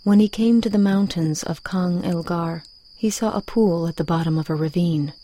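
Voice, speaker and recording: Female story reader, lowish, soft dark tone, measured literary narration, slight background noise.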